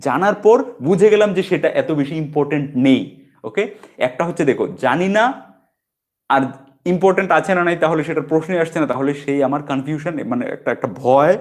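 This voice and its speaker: A man with a Bengali accent and a voice pitched a little above the usual for a man gives an easygoing spoken English lesson. He explains step by step, repeating example words slowly and checking in with "okay". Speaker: English teacher.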